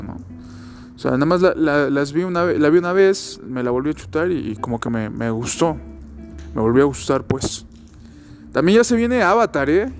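A man's voice: mid-range voice, darkish tone. A hungover man with a Mexican Spanish accent hosts a solo podcast, rambling casually and jokily in crude slang. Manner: informal, crude slang, joking.

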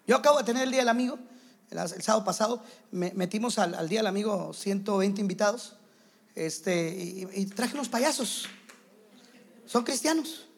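A man preaching a sermon to church leaders, animated and playing out quick scenes in other voices. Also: high voice, gravelly. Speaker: pastor.

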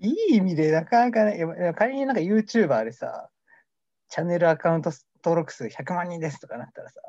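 Speaking a little fast with lively intonation, a young man with a slightly high, darkish voice co-hosts a casual mock radio show, rambling and making fun of himself. He's an amateur co-host, captured in a dull, dry lo-fi recording.

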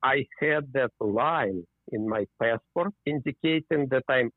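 A man's voice: medium pitch, a little slow, no echo. A middle-aged man from the Soviet Union, a native Russian speaker, recalling his past as an interview guest in a reflective way with slightly non-native phrasing. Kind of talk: interview conversation. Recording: tinny phone line.

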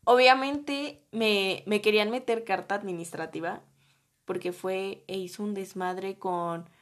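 A woman's voice: mid-range voice, steady tone, a little slow. A young woman with a Mexican accent, telling a story about her college days in a chatty way, full of slang and fillers. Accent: Mexican Spanish. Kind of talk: casual storytime.

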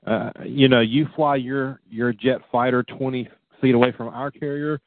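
A man co-hosts a casual show, tossing in laid-back, jokey asides. His sound is dry and narrow, like it's coming through a phone line. His pitch sits in an ordinary middle range. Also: steady tone, normal speed, no room sound. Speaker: co-host. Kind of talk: casual radio show chat.

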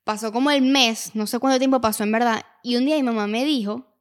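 Girl in her 20s just chatting, kinda high voice, laughs a lot, lots of slang. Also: fast. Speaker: podcast co-host. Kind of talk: casual chat.

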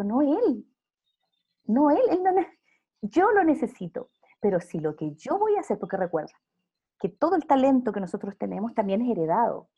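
A woman's voice: mid-range voice, dark tone, slightly rough, muffled recording. A woman speaking earnestly in a casual faith interview, preaching with emphatic repeated phrases.

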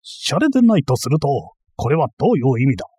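A man's voice: a little high, sing-song, fast talker, warm tone, breathy edge, dry recording. A man voicing a boastful, bumbling self-styled master thief in a dramatized period-novel reading, ranting and easily flustered. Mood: agitated.

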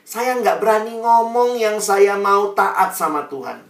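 A man giving a sermon testimony, telling his story in a lively way and acting out the lines of his friends. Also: high voice, measured pace. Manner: storytelling, acts out quoted friends. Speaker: pastor. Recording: echoey room, distant mic.

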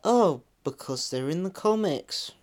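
A man's voice: on the high side, lively intonation, a little slow, darkish tone. Male co-host, playful banter, teasing questions, casual. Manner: jokey, playful questions, mild swearing. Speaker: podcast co-host. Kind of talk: casual chat, joking banter.

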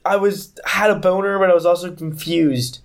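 A man co-hosting a comedy podcast, chatting casually in a goofy, laughing, low-key way. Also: fairly even intonation, moderate pace, vocal fry. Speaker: podcast co-host.

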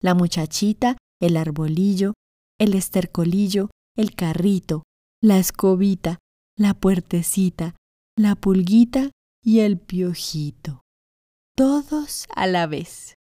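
A woman narrating a children's fairy tale in a gentle, expressive way. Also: medium pitch, slow pace, dry recording, clean studio sound. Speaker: storyteller. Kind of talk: children's storytelling. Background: faint music.

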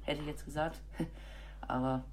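Here the same cold-stricken podcast co-host chats loosely about football, full of fillers and false starts. Her pitch sits low, her intonation stays fairly level, and her pace is a little slow.

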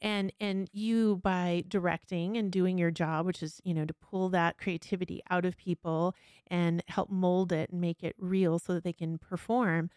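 Earnest woman in her fifties, halting speech. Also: fairly low pitch, level tone, darkish tone, smooth, no room sound, studio quality. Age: 50s. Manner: earnest, halting, repeats words, near tears. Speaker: guest. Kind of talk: personal conversation.

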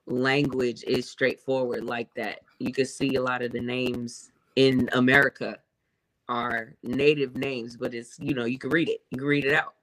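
A woman who is a guest musician in a casual interview, explaining herself in a thoughtful, hesitant, measured way. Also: extremely low pitch, level tone, a bit bright.

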